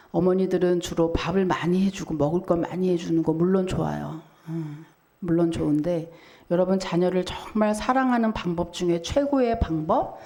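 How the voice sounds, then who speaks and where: A woman's voice: fairly low pitch, mellow. A middle-aged woman pastor preaching a sermon, telling a story vividly and asking the congregation rhetorical questions.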